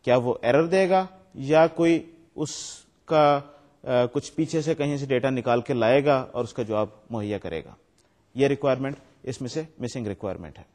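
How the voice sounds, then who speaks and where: A man's voice: medium pitch, darkish tone. A man giving a recorded lecture. He explains step by step, mixes in English technical terms and reads his examples aloud with stress.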